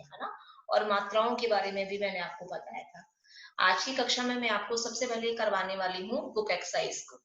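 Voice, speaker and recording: A woman teaching a primary school Hindi class online. She is patient, asks questions and answers them herself, and spells words out slowly. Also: medium pitch, fairly bright tone, roomy sound, muffled recording.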